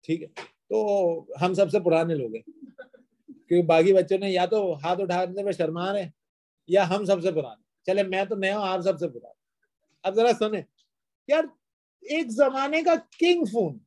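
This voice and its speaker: A man's voice: high voice, measured pace, pauses often, darkish tone, low-quality recording. A young male lecturer with a Pakistani Urdu accent talks to his class in a chatty way. He tells stories as he goes and mixes in English phrases. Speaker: teacher.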